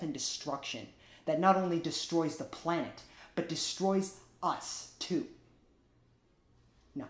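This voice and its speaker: A man's voice: fairly high pitch, fairly bright tone. Young man playing an impassioned, echoey anti-war delegate. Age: young adult. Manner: emphatic, pleading oratory. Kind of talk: sketch comedy speech. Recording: roomy echo.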